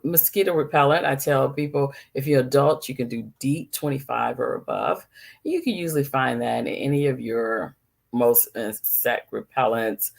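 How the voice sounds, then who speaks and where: A woman's voice: very deep voice, vocal fry. A woman physician hosting a casual talk, listing travel health tips in a chatty way with frequent ums and asides. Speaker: physician host.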